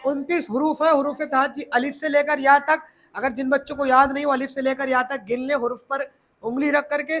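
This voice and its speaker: A man's voice: extremely high pitch, heavy background noise. A male teacher explaining Arabic letters to a class of children, often asking them questions and repeating key points.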